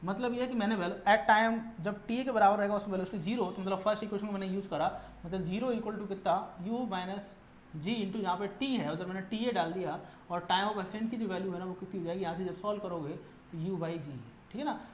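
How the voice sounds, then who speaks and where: A man's voice: high voice, fairly quick. Male physics teacher, patient lecturing, repeats every step and answers his own questions; roomy echo, faint hiss behind. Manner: asks questions and answers them himself; tags nearly every line with "ठीक है ना". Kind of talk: classroom lecture mixing Hindi and English. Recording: echoey room with faint background noise.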